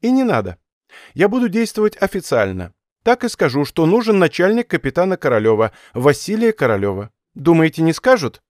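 A man's voice: a little high, wildly swooping pitch, brisk, a little mellow, no room sound, studio quality, voice pushed up. A man reading an audiobook voices a stubborn, superstitious young woman student, talking in a raised, pleading, headstrong way. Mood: insistent.

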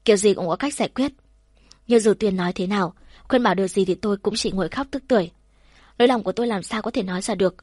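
A woman narrating a first-person story in a soft, measured, heartfelt way. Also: mid-range voice, dry recording, clean studio sound.

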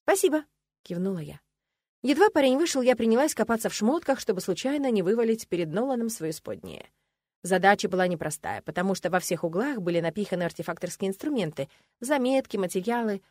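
A woman reading a fantasy novel aloud in the first person, telling it in an expressive, wry way with lively swings in pitch. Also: quick pace, dry recording, clean studio sound. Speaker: audiobook narrator.

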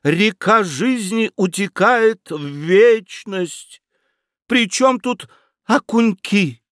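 A man voicing a lofty, dreamy young nobleman who speaks in high-flown, pleading exclamations. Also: expressive, very slow, a bit bright, no echo, studio quality, full character voice. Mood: exasperated.

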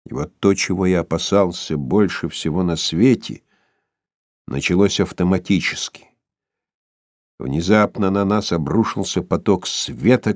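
A man reading an audiobook aloud in a measured, dramatic narrating style. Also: low-pitched, darkish tone, dry recording, clean studio sound. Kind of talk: scripted literary narration.

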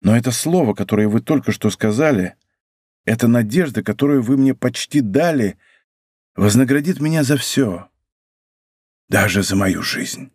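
A man reading an audiobook, voicing a lovesick duke making impassioned declarations to a queen, in a mid-pitched voice. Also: animated, moderate pace, a little mellow, slightly rough, no echo, clean studio sound. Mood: ardent. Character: lovesick English duke, ardent and fatalistic.

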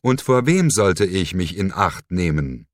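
A man's voice: low-pitched, expressive, measured pace, no echo, studio quality. A man voicing a frightened but defiant young woman held captive, in an audiobook reading. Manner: breathless, pleading, then defiant.

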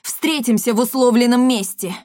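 A woman's voice: on the high side, normal speed, darkish tone, no echo, clean studio sound, pitched above the performer's own voice, natural voice. Woman playing a growling nomad king. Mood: commanding. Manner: growling orders. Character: commanding nomad king, a man.

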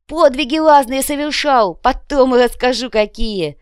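Lady putting on a pompous chieftain guy, high and loud, drawn-out speech, smooth clear voice. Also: dry recording, studio quality, close to an everyday voice. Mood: grandiose.

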